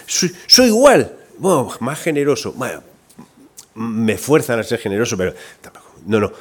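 Lively Spanish preacher man. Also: medium pitch, normal speed. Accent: Spain Spanish. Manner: lively, acts out the voices in his story. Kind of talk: sermon with storytelling.

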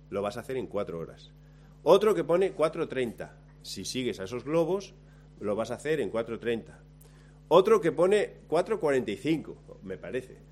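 A man telling a lively, self-mocking story about himself, acting out his own lines along the way. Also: mid-range voice. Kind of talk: anecdote told to listeners.

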